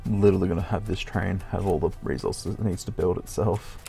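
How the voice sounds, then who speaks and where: Deadpan, gravelly man muttering through gameplay. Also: sits low, fairly quick, soft background music. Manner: deadpan, swears casually, mutters to himself. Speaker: gaming channel host. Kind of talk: casual gameplay commentary.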